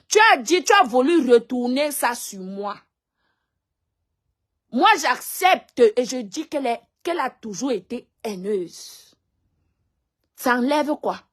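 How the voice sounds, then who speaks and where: A woman hosting a live stream, talking in a blunt, defiant way. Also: on the high side.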